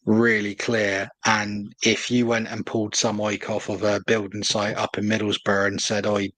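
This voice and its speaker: A man's voice: fairly low pitch, completely flat delivery, normal speed, a bit bright, no room sound. A man chatting on a livestream, blunt and jokey. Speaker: livestream guest. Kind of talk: casual chat.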